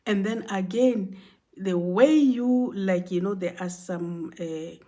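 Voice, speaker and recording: A woman's voice: medium pitch, takes it slowly, mellow. A woman casually telling a work story to her viewers, repeating herself and linking everything with "and then" and "you know". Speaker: vlogger telling a workplace story.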